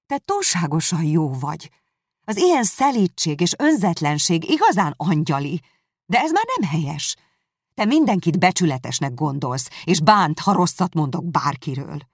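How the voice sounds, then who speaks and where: A woman reading a novel aloud, voicing a spirited, sharp-tongued young woman who talks emphatically. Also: on the low side, expressive, creaky, no room sound, studio quality, voice pushed up. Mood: indignant. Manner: indignant, emphatic.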